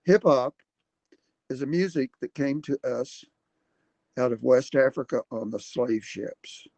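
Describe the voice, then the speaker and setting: A man in his seventies hosting a casual livestream from his computer at home, rambling and halting with many fillers. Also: mid-range voice, gravelly, darkish tone, no room sound. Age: 70s. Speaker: livestream host. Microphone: computer webcam mic.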